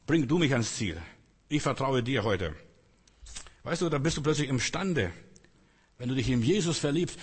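Husky-voiced man preaching in a hall. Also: medium pitch. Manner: earnest, coaxing, addresses listener directly. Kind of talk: sermon. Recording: long hall reverb.

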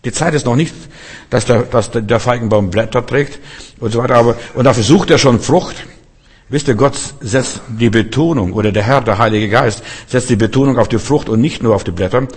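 A man's voice: medium pitch, a little fast, breathy edge. A man preaching a sermon, emphatic and repetitive, speaking directly to his listeners.

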